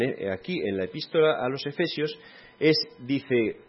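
A man's voice: on the high side, slightly rough, highs cut off. A man giving an informal, conversational sermon, acting out quoted dialogue along the way. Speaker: preacher.

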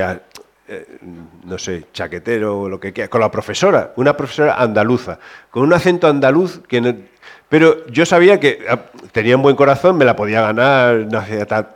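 A man from delivers a sermon in a conversational way, never quite reading a script. He stumbles and restarts often. His voice sits at an average pitch, drops to near-whispers on tender points, and climbs when he presses a question. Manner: conversational, many restarts, shifts between soft and raised. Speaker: preacher.

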